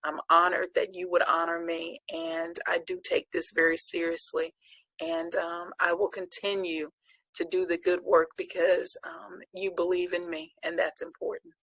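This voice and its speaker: Gravelly, husky woman giving earnest encouragement. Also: fairly low pitch, little pitch movement, a little slow, fairly bright tone, no room sound, rough recording. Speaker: award honoree giving a speech. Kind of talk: inspirational speech.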